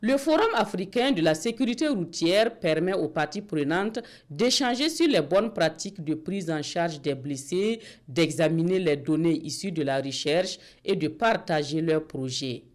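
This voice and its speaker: Female reporter, news voice-over, even formal read. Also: fairly low pitch, moderate pace, few pauses.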